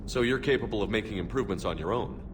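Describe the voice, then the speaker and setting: A man's voice: fairly low pitch, racing, distant mic, noisy background, lightly acted. An actor playing a firm, dry military starship commander in a video game, terse and authoritative as he questions. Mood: dry, questioning. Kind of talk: scripted sci-fi video game dialogue.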